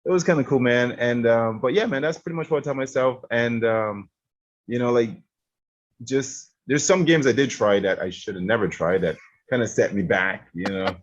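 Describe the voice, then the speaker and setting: A man's voice: medium pitch, moderate pace, highs cut off. A man from Barbados, a gaming streamer, chatting casually in an interview, laid-back and laughing often. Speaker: streamer guest.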